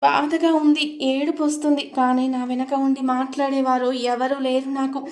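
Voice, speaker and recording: A woman's voice: high-pitched, little pitch movement, moderate pace, a little mellow. A woman voicing an innocent, grieving young woman who weeps and blames herself, in a storybook reading. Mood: tearful. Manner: weeping, pleading.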